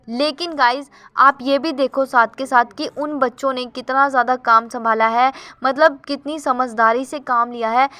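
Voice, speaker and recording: A woman's voice: high voice, bright, forceful tone, no room sound. A woman vlogger giving earnest, sympathetic commentary and often addressing her viewers directly.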